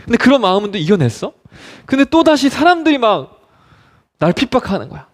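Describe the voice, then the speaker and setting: A male youth pastor preaches in a high, lively voice that swings widely in pitch. He tells the story dramatically and keeps turning to his listeners with direct questions. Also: brisk. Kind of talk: sermon.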